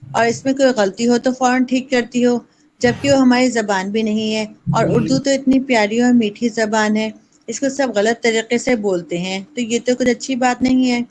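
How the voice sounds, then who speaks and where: A woman's voice: on the high side, fairly even intonation, darkish tone, slight background noise, close to an everyday voice, rough recording. A woman voicing a fussy aunt in a children's story, stern and exacting as she keeps correcting a girl's pronunciation. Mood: lecturing. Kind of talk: reading a children's story aloud.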